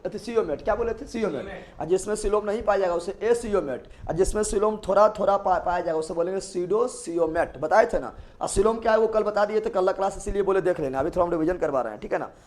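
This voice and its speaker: A man's voice: sits high, darkish tone. A man teaching a live online biology class in with a lilt, repeating questions and answers to his students. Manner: repetitive call-and-response questioning.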